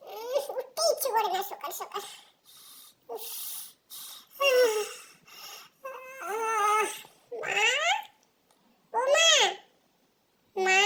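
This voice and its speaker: A woman's voice: very high-pitched, bright, forceful tone, a little hiss or hum, pitched above the performer's own voice, heavily acted. A woman voicing a small cheeky boy in a playful home role-play, babyish, giggly and clingy with his mother. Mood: sleepy whiny. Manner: babyish, giggly, calling out and teasing.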